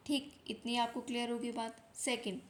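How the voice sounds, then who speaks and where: A woman's voice: on the high side, little pitch movement. Woman teacher explaining math step by step. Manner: explains step by step, often checks understanding, repeats points slowly. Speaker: maths teacher. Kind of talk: exam revision lecture.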